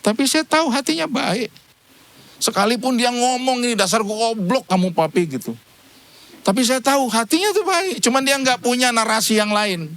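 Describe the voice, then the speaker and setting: Animated pastor with a lilt. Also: male voice, very high voice, normal speed. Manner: storytelling, acting out dialogue with his wife; chuckles often between points. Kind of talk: humorous sermon. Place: church service.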